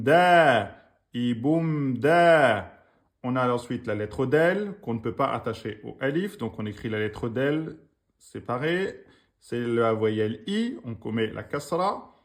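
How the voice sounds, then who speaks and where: A man teaching Quran reading in during a live online lesson, patiently sounding out syllables again and again. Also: mid-range voice.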